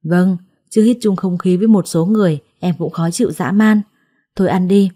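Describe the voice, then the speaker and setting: Woman doing a sharp-tongued young sister in a storybook, blunt and scolding, mellow low-key tone. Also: moderate pace, natural voice. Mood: scornful.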